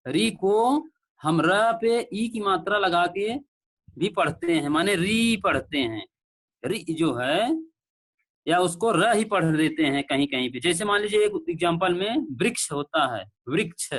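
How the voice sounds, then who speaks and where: Male lecturer on an online call, high voice, patient and repetitive, checks that students can hear. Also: a bit bright. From India. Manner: explains slowly with repeated examples. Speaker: teacher. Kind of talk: online class lecture on pronunciation.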